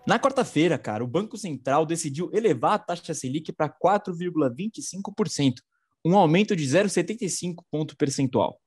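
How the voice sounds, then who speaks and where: A man's voice: a little high, animated, fairly quick, slightly rough. A man co-hosting an informal political news show, slangy and sarcastic.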